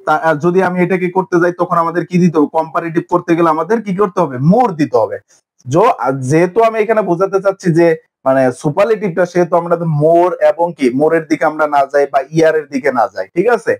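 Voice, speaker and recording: A man's voice: on the high side, quick pace. A young man teaches an English grammar lesson online, asking questions and answering them himself.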